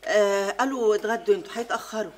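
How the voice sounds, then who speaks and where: A woman's voice: medium pitch, rapid-fire, a little hiss or hum, natural voice. An actress playing a caring mother with an Egyptian accent, soothing her family in a film drama. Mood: motherly. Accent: Egyptian Arabic.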